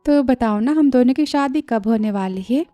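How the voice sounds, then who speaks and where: A playful young boss in love, teasing and sweet, as a woman narrator reads his lines. The voice stays high and mellow. It is close and dry, with faint music underneath. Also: normal speed, no echo, lightly acted.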